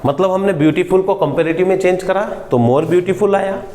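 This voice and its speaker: A man's voice: high-pitched, moderate pace, dark tone. A man teaching an English grammar class to students, asking them questions and repeating words back to them. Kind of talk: classroom lesson explaining grammar. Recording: echoey room with long reverb.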